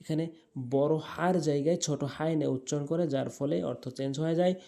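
Mellow-voiced male Quran teacher. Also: a little high, steady tone, vocal fry. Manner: slow drawn-out chanted recitation between plain explanations; repeats right and wrong pronunciations patiently. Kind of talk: Quran recitation lesson.

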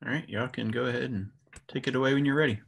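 A man's voice: mid-range voice, fast, creaky, husky. A young man moderating a session casually and unscripted over a video call headset. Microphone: earphone headset on a video call.

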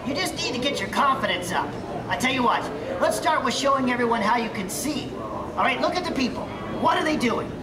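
A woman voicing an encouraging female stage handler who coaxes a nervous robot, with a brisk, motherly manner. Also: high-pitched, lively intonation, recorded from a distance. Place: large exhibit hall, played over speakers. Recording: echoey hall heard from afar with crowd.

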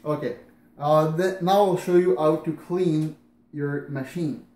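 A man in his thirties with a warm, fairly high voice takes it slowly and keeps his intonation fairly even during a casual how-to in his kitchen at night. Moving about as he works, he chats hesitantly with fillers and restarts, recorded from a distance by a camera on the counter in an echoey room with faint noise.

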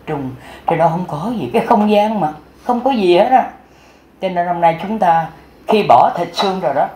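A man's voice: on the high side, a little mellow, echoey room. A man with a Southern Vietnamese accent giving a folksy, improvised storytelling sermon as a Buddhist teacher, repeating words and acting out the dialogue.

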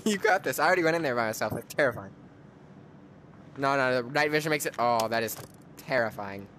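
A young man giving casual commentary while playing a game with a friend, jumpy, swinging from hushed mutters to shrieking laughter. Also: mid-range voice, lively intonation, a little fast, slight background noise.

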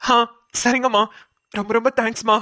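A poor, humble young man in a homemade cartoon, voiced by a woman. He speaks politely and deferentially, in a voice pitched a little high. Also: steady tone, normal speed, pushed and bright.

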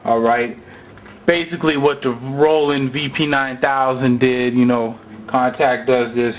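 The presenter of this informal gear tutorial has a mid-range voice with fairly even intonation and speaks a little slowly, using slang as he demonstrates. Music loops and sampler instrument sounds sit behind him, with slight background noise and poor audio.

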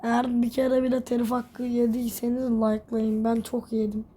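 A woman's voice: fairly high pitch, completely flat delivery, moderate pace, mellow. A young woman casually commenting while she plays a mobile game, chatty, laughing often and exclaiming when things go wrong. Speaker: gameplay video host.

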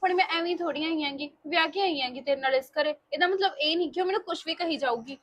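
An actress playing a scheming new wife who impatiently demands the first wife be thrown out. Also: female voice, high voice, quick pace, fairly bright tone. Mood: demanding. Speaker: second wife.

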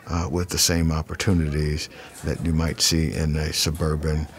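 A man, a university administrator, speaking in a measured, serious way in a documentary interview. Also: a bass voice, little pitch movement. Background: music score.

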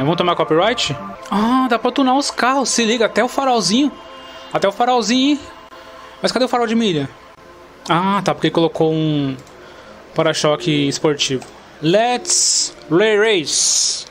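A man with a Brazilian Portuguese accent giving chatty, excitable gameplay commentary to his viewers. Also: high voice. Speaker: gaming channel host. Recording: loud car and game sounds behind.

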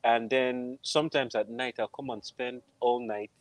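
A middle-aged man with a Nigerian accent, a film composer, is the interview guest on a video call from a room at home, conversationally recounting a personal story. His medium-pitched voice has fairly even intonation at a normal speed, with no echo.

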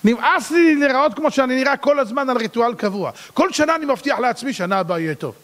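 A man, a rabbi, preaching a dramatic sermon, swinging between loud cries and low asides. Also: animated. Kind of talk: sermon to a congregation. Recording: long hall reverb.

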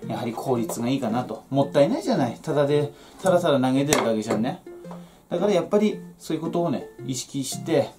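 Here a home vegetable grower with a slightly high voice explains things in a relaxed, folksy manner as he works with his hands. It's a casual how-to chat set in a small, cluttered indoor shed or workroom, with plucked guitar playing.

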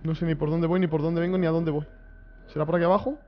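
Jumpy and on edge, a young man narrates a horror game for his audience, saying the same things over and over whenever a scare lands. He speaks quickly in a rather high voice that barely rises or falls, and the audio has its highs cut off.

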